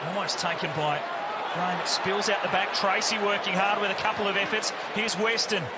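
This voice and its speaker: A man calling live football in excited, clipped running commentary. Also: sits high, brisk. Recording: very loud stadium crowd noise. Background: roaring stadium crowd.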